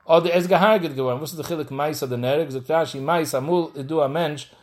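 A man's voice: fairly high pitch, quick pace. A man teaching a Talmud lesson in Yiddish, explaining in a study singsong and repeating phrases as he works through the text.

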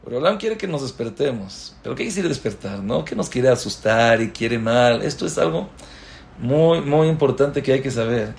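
Rabbi giving a torah talk, kinda gravelly voice, goes from shouting to near whispers. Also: male voice, medium pitch, expressive, normal speed. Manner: storytelling, swings from loud exclamations to hushed asides. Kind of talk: religious lecture.

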